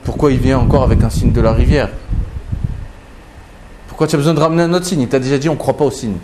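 A man teaching a Talmud story, acting out the quotes with big jumps in pitch. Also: fast, a little mellow, a little hiss or hum. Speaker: Torah teacher. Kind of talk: lively Talmud story lesson.

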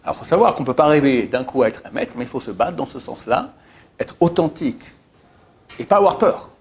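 Husky man teaching with animated stories. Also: mid-range voice, brisk. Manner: animated storyteller, emphatic repetitions, frequent filler "euh". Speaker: Torah teacher. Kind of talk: informal religious teaching with anecdotes.

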